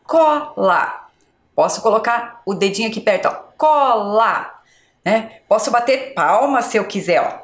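A woman teacher slowly sounding out syllables and letters for young children in a spelling lesson. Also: medium pitch, lively intonation. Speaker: schoolteacher. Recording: echoey room.

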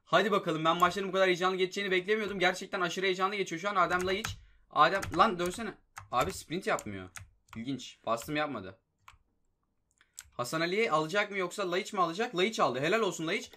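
A young man giving live commentary on his football video game, excitable and prone to frustrated outbursts, with keys clicking behind him. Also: high voice, fairly quick, a little hiss or hum. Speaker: gaming YouTuber.

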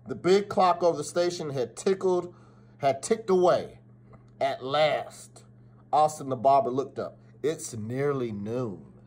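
Recorded on a phone or webcam held at arm's length in a small office, a middle-aged principal reads a children's story with expression and drama, now and then stumbling. His voice leans high, unhurried, with a darkish tone.

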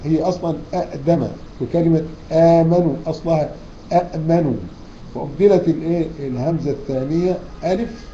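Man, Egyptian Arabic accent, deep mellow voice, fairly high pitch, recitation teacher quizzing students, dull lo-fi recording with faint hiss. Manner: poses quiz questions to students and answers them; recites verse words slowly and drawn out. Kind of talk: online tajweed lecture.

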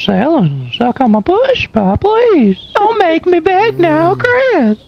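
Brief: man doing a creepy pervert, very slow gravelly drawl, swooping pitch, loud noise behind. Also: huge pitch swings, highs cut off, full character voice. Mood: leering. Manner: drawling, wheedling. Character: creepy leering male pervert.

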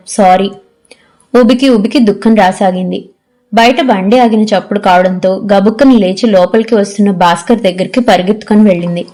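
A woman narrating an audio novel with steady, measured storytelling. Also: medium pitch. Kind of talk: scripted narration.

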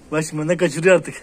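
High-voiced man coaxing cats. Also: slightly rough. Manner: coaxing and scolding animals, repeating words, calling pss. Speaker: hobby vlogger. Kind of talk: casual vlog while handling cats.

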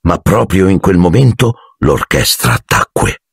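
A man reading an audiobook aloud in an expressive, animated way. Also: low voice, measured pace, creaky, breathy edge, dry recording. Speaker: audiobook narrator. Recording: dry close recording.

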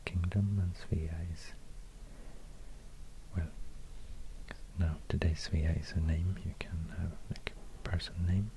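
Male ASMR whisperer, low and breathy, very unhurried musing delivery, faint hiss behind. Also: steady tone. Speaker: ASMR creator. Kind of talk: whispered ASMR map reading.

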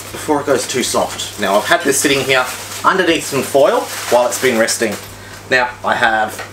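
A man's voice: medium pitch, echoey room, noisy background. A man talking through a cooking demonstration, with chatty, upbeat, step-by-step instructions. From Australia. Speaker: cooking vlogger.

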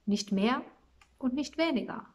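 A woman voicing a gentle, wise male angel who calmly explains things to the travellers. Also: high-pitched, unhurried, voice pushed up.

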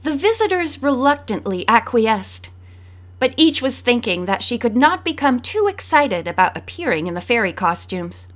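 Woman reading an audiobook, higher voice. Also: very animated, moderate pace. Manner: shifts pitch and pace to voice each character. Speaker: audiobook narrator.

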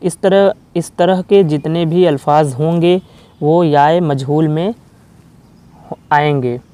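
A man teaching an online grammar lesson, explaining slowly and repeating example words one at a time. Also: a little high, mellow.

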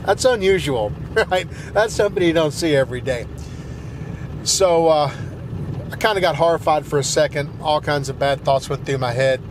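A man's voice: fairly high pitch, normal speed. Rambling Southern man driving a truck. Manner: rambling, hesitant with many fillers and restarts. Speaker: truck vlogger. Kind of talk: casual storytelling while driving. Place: inside a pickup truck cab, driving in snow. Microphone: dash-mounted camera. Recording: road noise behind.

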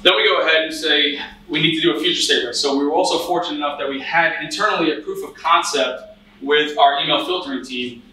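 In an echoey hotel meeting room, recorded from a distance, a cyber risk analyst in his thirties gives a conversational conference presentation full of restarts and fillers. His voice is on the high side, pushed and bright, and he talks fast with hardly any pauses. Slight background noise is audible.

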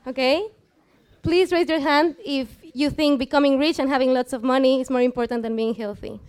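A woman in her twenties, a Spanish speaker with a Mexican accent, gives a public science talk as a student in a small lecture room with a seated audience, wearing a headset mic. Her high voice is clear, resonant and a little mellow, with fairly even intonation and a slightly fast pace. She explains the topic live and informally, drawing listeners in with questions.

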